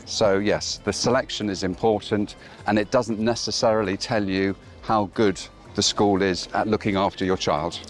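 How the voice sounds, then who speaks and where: Low-voiced middle-aged guy talking schools outside in the street, calm and sure of himself, bit of music under it. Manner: measured, assured, explanatory. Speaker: former headteacher and admissions advisor. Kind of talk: conversational interview. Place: outdoors on city streets.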